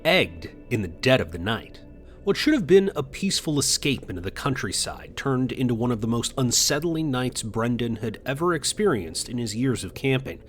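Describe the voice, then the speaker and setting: A man reading scripted documentary narration in a measured, suspenseful tone. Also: medium pitch, sing-song, soft background music.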